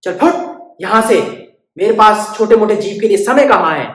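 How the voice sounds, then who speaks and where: A woman voicing a rude, arrogant royal barber who shouts scornfully, with a roomy echo. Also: mid-range voice, lively intonation, normal speed, voice pushed up, natural voice.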